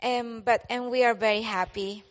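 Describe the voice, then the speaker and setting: A woman's voice: on the high side, fairly even intonation, normal speed, slight background noise. A Salvadoran woman, a native Spanish speaker, introducing herself as a missionary to a congregation, shy and giggly. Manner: shy, giggly, laughs between phrases. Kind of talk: church missions presentation. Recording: echoey hall with long reverb.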